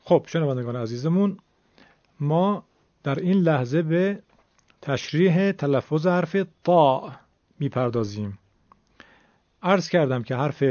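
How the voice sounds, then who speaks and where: A man teaching Quranic letter pronunciation on a radio lesson, explaining patiently and demonstrating sounds slowly. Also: on the high side, a little mellow, no echo. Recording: dull lo-fi broadcast sound.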